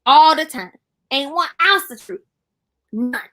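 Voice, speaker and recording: A woman's voice: sits high, animated, measured pace. A woman co-hosting a casual chat over a video call, teasing and emphatic. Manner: teasing, emphatic, often exclaims "child". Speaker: co-host.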